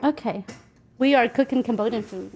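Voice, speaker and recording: Here a woman in her 40s from Nashville, United States, chats reflectively about her life while cooking, answering as an interviewee. Her voice is a little high and her pace moderate, over the clicks and noise of a kitchen field recording.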